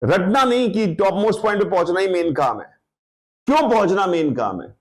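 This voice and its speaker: A man's voice: high voice, very animated, a little fast. A man lectures on physics. He walks through the reasoning step by step and keeps stopping to ask whether his students understand. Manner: explains step by step, keeps checking students follow. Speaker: physics teacher. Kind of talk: classroom lecture.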